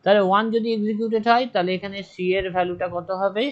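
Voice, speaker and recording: A man's voice: high-pitched, fairly even intonation, fast. A male teacher giving an online class, walking methodically through each case aloud, while his audio keeps breaking up and cutting out. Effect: choppy online audio that keeps cutting out. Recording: dull lo-fi internet audio.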